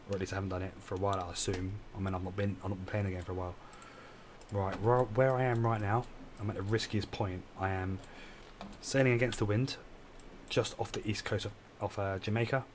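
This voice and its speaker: A man with a low voice talks through a game he is streaming, rambling and stopping to correct himself. He sounds tired, his voice staying flat and level as he explains each move. A faint background hiss runs under his voice. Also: a little fast. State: tired, yawning. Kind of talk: casual live gameplay commentary.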